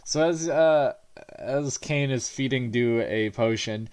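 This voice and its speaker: A young man runs a tabletop game as game master, chuckling between lines. He talks in halting bits and restarts his sentences, loose and easygoing as he sets out what the players see. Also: medium pitch, a little mellow, clear, resonant tone. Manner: laughing, halting, many restarts.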